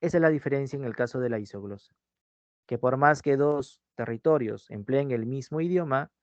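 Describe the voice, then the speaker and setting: A man's voice: mid-range voice, fairly quick, darkish tone, dry recording. A man giving an online pre-university language class, often repeating his key phrases and checking in with "¿sí?". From Peru. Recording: dull, dry lo-fi mic sound.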